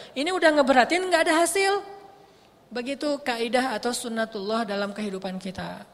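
A man's voice: extremely high pitch, a bit bright. A male preacher with a lilt giving a casual evening sermon, playful and acting out little dialogues. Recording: long hall reverb.

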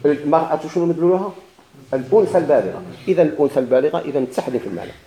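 A man's voice: fairly high pitch, animated, rapid-fire, warm tone, echoey room, poor audio. A man with a Moroccan Arabic accent teaching a grammar lesson, asking questions and answering them himself with repeated examples.

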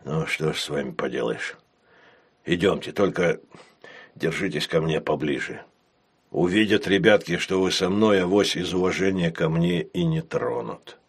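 A calm tavern keeper speaks in a deep, soft bass with quiet menace, voiced by a man narrating a storybook. His voice sits low and hushed. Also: moderate pace, breathy edge.

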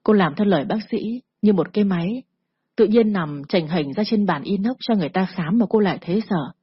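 A woman narrating an audio story in a steady, earnest storytelling manner. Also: mid-range voice, brisk, husky, dull audio.

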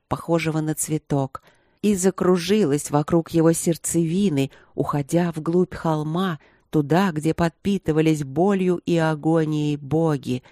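An audiobook reader telling a dark fantasy tale in an even, measured way. The voice sits in a middle pitch, and the recording is dry and close to the mic with no room sound. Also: no echo. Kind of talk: scripted fantasy narration.

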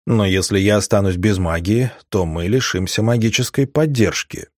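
A cautious, wry male mage from a fantasy audiobook, read by a man in nearly his own voice. The voice sits low and speaks in a measured, dry way. The recording is close, with no room sound. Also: dry recording, lightly acted.

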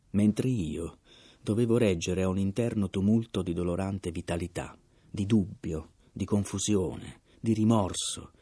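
Deep, husky-voiced man narrating a novel. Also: warm tone. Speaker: audiobook reader. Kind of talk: scripted literary narration.

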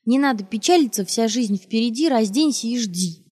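A woman reading an audiobook who voices a giddy, playful young wife in a loud, teasing, mock-dramatic way. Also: on the high side, lively intonation, moderate pace, breathy edge. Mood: mock-wise. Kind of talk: audiobook character voice.

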